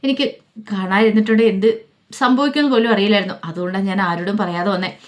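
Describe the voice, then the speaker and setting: A woman's voice: medium pitch, fairly even intonation, fast, lightly acted. An earnest young man on the run pleads his case to his parents, voiced by a woman. The delivery is plain and close to the reader's own voice.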